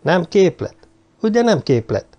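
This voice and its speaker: A frightened man in a sickbed, voiced by a male narrator, pleads in a tight, high audiobook voice. He sounds anxious and begs rather than argues. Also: big pitch swings, mellow. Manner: anxious and pleading, pitched well above the narrator. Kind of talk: audiobook character voice.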